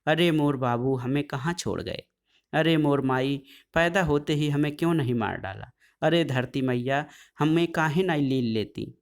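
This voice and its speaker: A man's voice: a little high, lively intonation, unhurried, pitched above the performer's own voice. A man voicing a poor, hunchbacked young woman who pleads and accuses in dialect. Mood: wailing.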